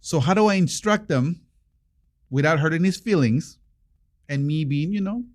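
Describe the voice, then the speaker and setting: A man co-hosting a casual chat, speaking English with an accent. He jokes around and talks in an animated way, often restarting his sentences. His pitch sits a little above that of most men. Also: normal speed. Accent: non-native English accent. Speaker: podcast co-host; parent.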